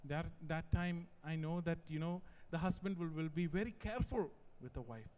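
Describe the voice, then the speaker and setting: A young adult man preaching a sermon as pastor, animated and prone to joking digressions. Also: on the high side, normal speed. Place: large church hall. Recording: long church-hall reverb.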